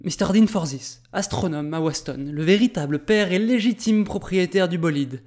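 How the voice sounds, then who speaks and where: A man's voice: high-pitched, moderate pace, darkish tone, voice pushed up, close to an everyday voice. A man voicing a pompous, quarrelsome male amateur astronomer who bursts out indignantly. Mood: self-important. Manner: self-important, indignant outbursts.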